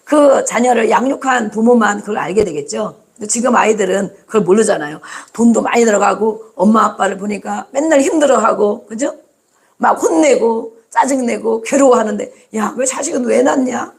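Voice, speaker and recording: Woman, pastor, sermon, gravelly, repeats phrases, asks the congregation questions. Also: mid-range voice, moderate pace.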